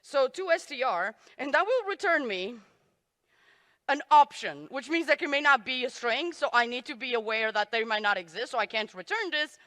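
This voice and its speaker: A woman gives a live coding talk from a conference stage in a large hall, and the reverberant room is audible. Her voice sits high and sounds a bit bright, with lively intonation at normal speed. As a conference speaker she's self-deprecating, tossing out joking asides at her own expense while she types.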